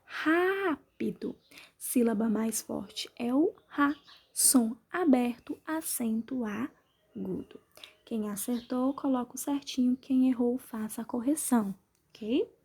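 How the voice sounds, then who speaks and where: A woman teacher from Brazil with a high, husky voice, walking her pupils through the answers of an exercise. She speaks patiently and drags out each word she spells, and her tone is soft and mellow. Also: takes it slowly. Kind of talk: remote class lesson, correcting exercises.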